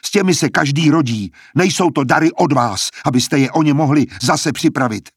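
A man's voice: medium pitch, lively intonation, gravelly, a little mellow, slightly rough, dry recording, studio quality. A man doing a furious defiant young man. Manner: raised, heated, clipped retorts.

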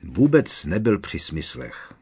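A man's voice: sits low, big pitch swings, darkish tone, breathy edge, heavily acted. A man reading aloud, voicing a worried teenage boy wizard who speaks urgently and with emphasis.

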